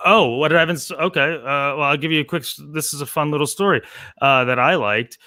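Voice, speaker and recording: Chatty male co-host, bright voice. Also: a little high, a little fast, no echo. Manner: loose and chatty, trailing fillers. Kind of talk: casual chat show, telling news stories.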